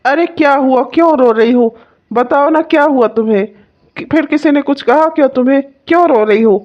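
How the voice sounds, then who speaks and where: A voice actor playing a kind young husband in a cartoon who gently comforts his wife. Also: high voice, a little fast, highs cut off, close to an everyday voice. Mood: coaxing. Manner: gentle, coaxing, reassuring. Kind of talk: cartoon voice acting.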